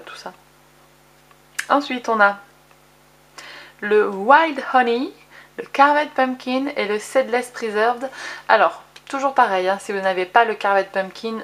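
A woman hosting a casual craft tutorial, chatting as she shows her colour samples, with many fillers and self-corrections. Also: mid-range voice. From France. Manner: jokes about her own English accent. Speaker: craft video host.

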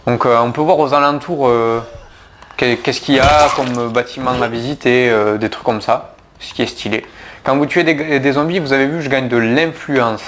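A man's voice: medium pitch, fairly even intonation, moderate pace, background noise. A man casually commenting on his gameplay for viewers, talking to them directly, with frequent fillers and restarts. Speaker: gaming YouTuber. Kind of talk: casual let's-play commentary.

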